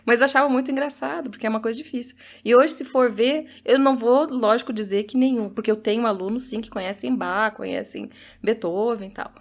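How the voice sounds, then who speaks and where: A woman's voice: on the high side, steady tone, a little fast, few pauses. A Brazilian woman, a teacher, co-hosting a podcast and chatting in a personal way with family anecdotes. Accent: Brazilian Portuguese. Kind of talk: casual podcast chat.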